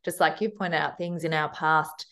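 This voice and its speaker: Woman, podcast host, low pitch, reflective, summarizing. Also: steady tone, normal speed, fairly bright tone. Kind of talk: podcast interview.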